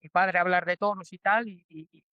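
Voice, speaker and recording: Spanish man in his forties, smooth and halting. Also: sits high, fairly even intonation, no room sound, lo-fi sound. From Spain. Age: 40s. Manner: hesitant, many restarts and fillers. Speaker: bullfighter guest. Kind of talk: casual interview answers.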